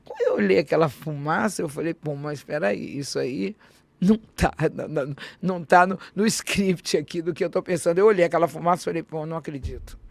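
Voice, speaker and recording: A woman, a guest on a podcast interview, telling a personal story in an animated way, acting out dialogue and often restarting her sentences. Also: deep voice, fairly quick, gravelly, no room sound.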